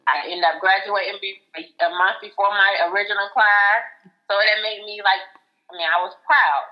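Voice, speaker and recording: A woman in her late thirties recalling her young married years as a podcast guest, soft and hesitant with many fillers. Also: medium pitch, steady tone, normal speed. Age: 30s. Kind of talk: casual storytelling. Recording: muffled lo-fi audio.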